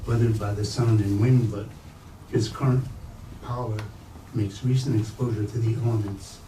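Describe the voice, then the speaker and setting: At a staged book reading in an indoor bookstore event space, a man reads literary prose aloud. His voice is lowish and warm, with fairly even intonation and normal speed, captured on a distant mic with a roomy sound and faint noise.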